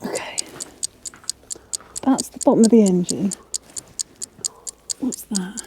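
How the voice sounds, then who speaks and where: A woman's voice: medium pitch, slow pace, gravelly, mellow, a little hiss or hum. Chatty woman in a garage. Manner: chatty, self-mocking, reads instructions aloud. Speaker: motovlogger. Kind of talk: casual chat while working on a motorbike.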